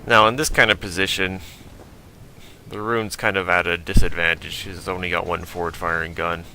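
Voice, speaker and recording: A man with a low, gravelly voice talks through a game replay in a relaxed, thinking-aloud way. His tone is bright and edged, and a faint hiss sits under the recording. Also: moderate pace. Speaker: gaming video host. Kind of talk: casual gameplay commentary.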